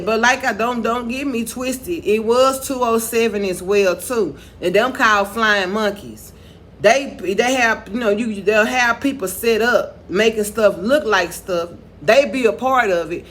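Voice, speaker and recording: A woman's voice: on the high side, unhurried, a bit bright. A woman talking straight to camera in a loose, rambling monologue, repeating herself and restarting her sentences often. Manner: rambling, repetitive, with many restarts and "you know". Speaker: vlogger.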